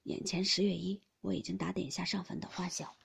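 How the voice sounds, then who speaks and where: A woman voicing a proud, aloof young male swordsman with a blunt, cool manner, louder than her narration. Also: fairly low pitch, flat delivery, brisk, gravelly, slightly rough, exaggerated voice.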